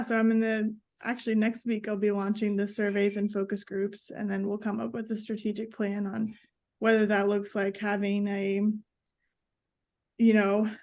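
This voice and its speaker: A woman's voice: medium pitch, vocal fry, darkish tone. A young woman in her twenties speaking on a panel in a chatty way, full of likes and ums. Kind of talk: casual conversational panel talk.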